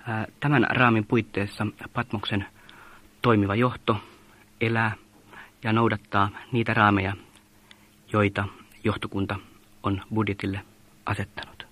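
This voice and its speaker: A man from Finland explains procedures in a measured interview manner. His voice sits a little low. He often pauses with small hesitation sounds before going on. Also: little pitch movement, fairly bright tone. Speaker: mission organization leader.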